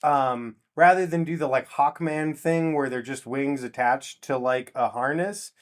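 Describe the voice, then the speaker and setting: Man co-host, mid-pitch, wry and joking in a casual recap. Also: measured pace. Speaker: podcast co-host. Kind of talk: casual chat recapping a TV episode.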